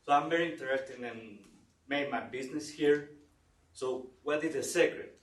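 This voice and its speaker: A man's voice: mid-range voice, normal speed. Man from Chile asking a question. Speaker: audience member asking a question. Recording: roomy echo, distant mic.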